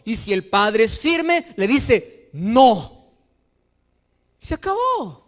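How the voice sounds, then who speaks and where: A man preaching a sermon as pastor, animated, acting out the voices in his stories. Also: very high voice, unhurried. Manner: animated preaching, acts out dialogues in story.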